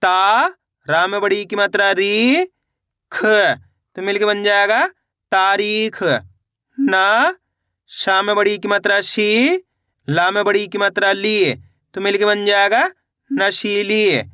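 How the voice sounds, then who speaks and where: A man teaching children's reading, slowly sounding out each syllable and asking the viewer how to read each word. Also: high voice, steady tone, sharp tone, smooth, dry recording, clean studio sound. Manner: slow syllable-by-syllable, repeats questions to viewers. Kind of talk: spelling-out reading lesson.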